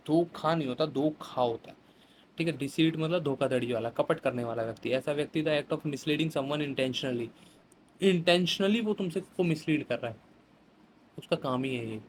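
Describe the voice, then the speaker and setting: A man's voice: a little high, a little hiss or hum, low-quality recording. A man teaching an exam vocabulary lesson in a chatty way, explaining with everyday examples and reading phrases. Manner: chatty, explains with everyday examples, mixes English words into Hindi.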